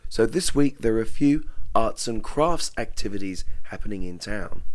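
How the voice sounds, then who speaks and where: A man with a croaky, hoarse voice, hosting an informal community events guide in a conversational, slightly halting way. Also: lowish voice, lively intonation, low-quality recording. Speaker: host of a local events guide.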